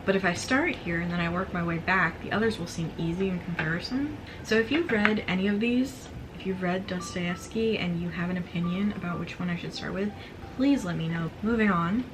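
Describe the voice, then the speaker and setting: Chatty excitable woman with vocal fry. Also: fairly low pitch, fairly quick, hardly any pauses, noisy background. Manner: excitable, gushing asides. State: throat slightly strained. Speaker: book vlogger presenting a thrifted book haul. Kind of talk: casual chatty book haul.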